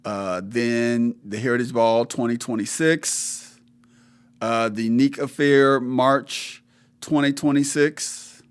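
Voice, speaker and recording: A man hosting an interview podcast, speaking in a measured way with frequent fillers. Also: medium pitch, steady tone, clear, resonant tone. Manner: measured, reads through a list with many fillers. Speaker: podcast host. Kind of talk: casual interview.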